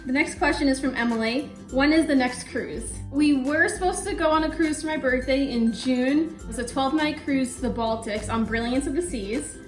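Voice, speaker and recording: A chatty woman with a high, light voice hosts a relaxed question-and-answer chat at home and giggles between her remarks. Her voice sounds echoey in the room, with faint music underneath. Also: moderate pace, few pauses. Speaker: host.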